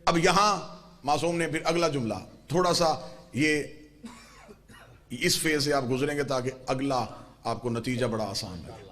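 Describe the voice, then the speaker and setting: A man, a religious scholar, delivering an impassioned sermon and telling a story with quoted dialogue. He speaks fervently and sometimes rises to shouts. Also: mid-range voice, pauses often. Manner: fervent, rising to shouts at emotional peaks; storytelling, quoting dialogue between imam and questioner.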